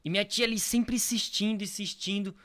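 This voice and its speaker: Earnest young Brazilian pastor. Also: male voice, high voice, steady tone, a little fast, fairly bright tone. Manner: earnest, repeats phrases, frequent tag questions. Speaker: pastor, podcast guest. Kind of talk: casual testimony chat.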